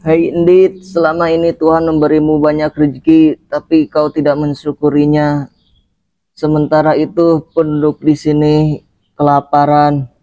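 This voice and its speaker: A man's voice: fairly high pitch, completely flat delivery, moderate pace, dark tone, dry recording, highs cut off, lightly acted. A young man playing a mysterious old beggar grandfather, stern and righteous, speaking in a solemn, declamatory way in a school drama. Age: young adult. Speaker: student actor.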